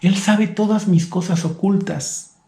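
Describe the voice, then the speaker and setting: Man preaching, reflective devotional sermon, quite high voice, echoey room. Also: steady tone, measured pace, dark tone.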